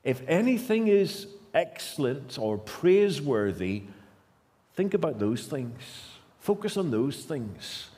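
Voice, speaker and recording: Slow and warm, his voice rides high with big swings in pitch as he preaches at a church-hall lectern. The speaker is a Northern Irish man in his fifties, emphatic and repetitive, with sudden fast stretches. Stand mics at the lectern and a far camera record him.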